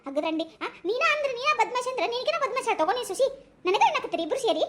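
A woman putting on a stubborn old village grandmother with a North Karnataka accent, shrill and very high, rattling off insults fast and coarse. Her scolding spills out quickly, with a faint hiss behind it. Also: very animated. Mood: abusive. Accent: North Karnataka Kannada. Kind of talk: comic village sketch.

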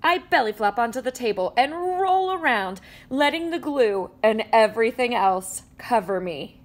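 At normal speed, a woman with a higher voice brings a children's picture book to life, her pitch jumping and dropping with every line. The expressive reading is recorded indoors at a table, complete with playfully acted sound effects.

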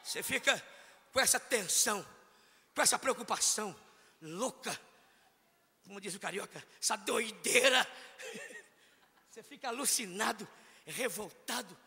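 Northeastern brazilian pastor guy, super high voice that jumps all over, fiery and funny, church echo. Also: gravelly, husky. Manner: fiery, comic, swings between mutters and shouts. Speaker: preacher. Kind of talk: sermon. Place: church hall, in front of a congregation. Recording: echoey church hall.

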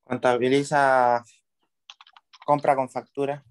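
A man's voice: mid-range voice, level tone, slow pace, clear, resonant tone. A male student giving short, tentative answers to his teacher in class.

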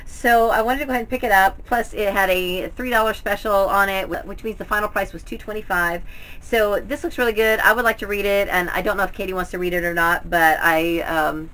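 Casting: middle-aged woman, bright forward voice, mid pitch, chatty home vlogger. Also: steady tone, brisk, poor audio. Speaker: book haul vlogger. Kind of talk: casual, chatty book review to camera. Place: indoors at home, in front of bookshelves.

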